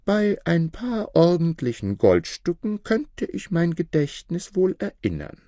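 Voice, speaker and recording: A greedy old tailor bargains in a raised, thin voice, stretching his words slowly and slyly. A man acts him out in a fairy-tale reading. The sound is dry and close. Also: on the high side, sing-song, warm tone, no room sound, pitched above the performer's own voice. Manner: sly and haggling.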